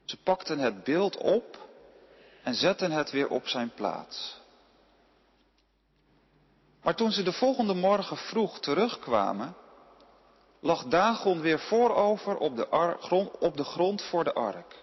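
Man, husky tone, lively pitch, reads scripture in a muffled echoey hall. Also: slow, pauses often. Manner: steady reading with occasional slips and self-corrections. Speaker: scripture reader. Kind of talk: reading a Bible passage aloud.

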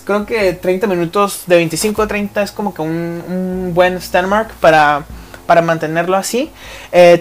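Young Mexican man telling a podcast story. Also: high voice. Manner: casual slangy storytelling, lively quoted asides. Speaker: podcast host.

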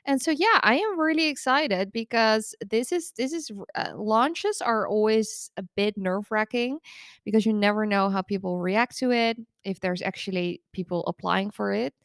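In a relaxed solo monologue for her podcast, a woman in her thirties who coaches eating disorder recovery chats openly and self-deprecatingly despite a flu-clogged nose. Her voice is mid-range at a moderate pace. The audio is studio quality with no echo.

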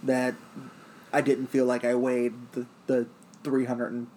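A man's voice: medium pitch, monotone, a little slow, dark tone, slight background noise, rough recording. A man in casual chat, joking and chatty.

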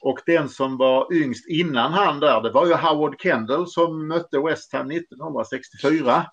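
A man's voice: fairly high pitch, a bit bright, lo-fi sound. A man telling football anecdotes in a casual, hesitant way, with many fillers and restarts. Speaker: podcast storyteller.

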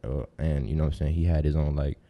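He has a bass voice, steady and mellow, and talks fast. A twenty-one-year-old American from Tampa, Florida, he's a podcast guest chatting casually and telling stories in informal street slang.

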